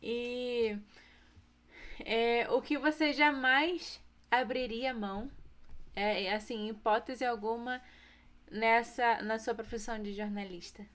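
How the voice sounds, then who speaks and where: A woman's voice: a little high, steady tone, slow pace, a bit bright. A woman with a Brazilian Portuguese accent hosting an interview, asking long questions with hesitations. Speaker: interviewer host.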